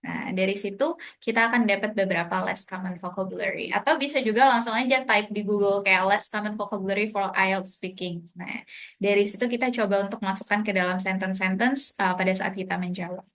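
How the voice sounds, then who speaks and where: A woman tutor with an Indonesian accent talks through an online lesson. She explains patiently in a mix of Indonesian and English. Her voice sits at an ordinary middle pitch. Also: steady tone, fairly quick, a bit bright.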